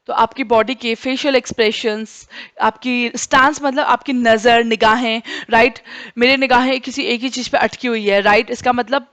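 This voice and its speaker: A young woman teacher gives a Hindi-English mixed classroom lecture, explaining with spoken examples and often checking in with "right?". Her voice is on the high side and a bit bright, with fairly even intonation at a moderate pace.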